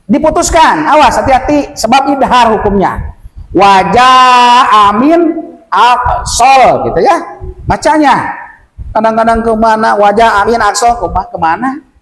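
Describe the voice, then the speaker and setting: Slow-talking high-voiced male teacher. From West Kalimantan, Indonesia. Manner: patient, explanatory, chants verses slowly to demonstrate. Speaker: Quran recitation teacher. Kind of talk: tajwid lesson for village men. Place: village prayer gathering room. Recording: echoey room.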